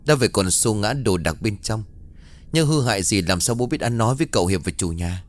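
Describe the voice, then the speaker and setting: A man's voice: fairly low pitch, expressive, brisk, natural voice. A man voicing a worried middle-aged father who soothes and questions his daughter in a ghost story. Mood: scolding. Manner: soothing, then scolding.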